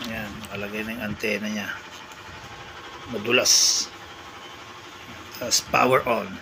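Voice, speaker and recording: A man's voice: fairly low pitch, level tone, measured pace. A man with a Filipino accent giving a casual unboxing and demo chat as a vlogger. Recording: clear background noise.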